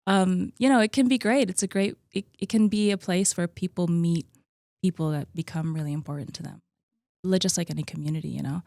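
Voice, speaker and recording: A relaxed woman in her mid-thirties chats about herself in a loose, friendly way, her speech full of "like" and "um". Her voice sits a little low for a woman. The sound is dry and close, with no room echo. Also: a little fast, gravelly. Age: 30s. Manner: chatty, relaxed, many likes and ums. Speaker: podcast guest, gym co-owner. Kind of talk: casual conversational interview.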